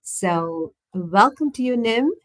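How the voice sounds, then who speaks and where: Woman host, mid-pitched, upbeat and chatty on a video call. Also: expressive, takes it slowly. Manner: upbeat, lots of fillers and laughs. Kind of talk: casual interview chat. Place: home.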